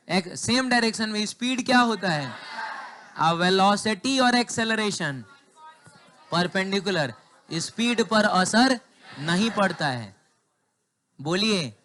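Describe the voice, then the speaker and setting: A man's voice: high-pitched, a bit bright. A man teaching a physics class in with a sore throat, asking questions and answering them himself and joking with the students.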